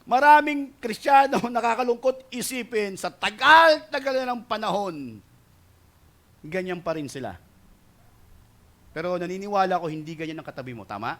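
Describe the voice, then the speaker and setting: A male pastor preaching a sermon, mixing Tagalog with English and often asking the congregation "right?" as he swings between loud and soft delivery. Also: sits high, expressive, moderate pace, pauses often. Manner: mixes Tagalog and English, keeps asking the crowd "di ba?" and "tama?".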